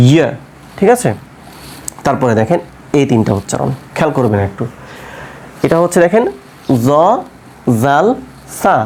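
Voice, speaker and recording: A man teaching a lesson on pronouncing Arabic letters, saying the sounds slowly and repeating them, often checking with "right?". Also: a little high, dark tone. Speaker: Quran teacher. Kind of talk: step-by-step pronunciation lesson.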